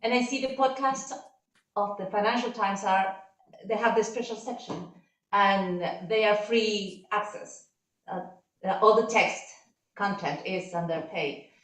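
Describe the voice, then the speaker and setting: A woman's voice: mid-range voice, measured pace, fairly bright tone. Chilean woman, careful audience question, distant echoey room. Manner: careful, searching for words.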